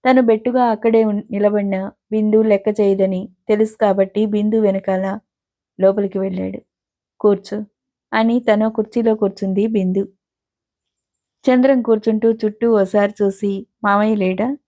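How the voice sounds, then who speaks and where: Mellow-voiced woman narrating a story. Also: mid-range voice, steady tone, moderate pace.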